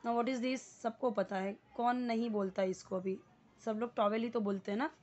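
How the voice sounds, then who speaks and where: A woman's voice: fairly high pitch, steady tone, a little mellow, highs cut off. A young woman teaching a casual English lesson, explaining patiently and repeating each word. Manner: explains slowly, mixing Hindi and English, repeating words.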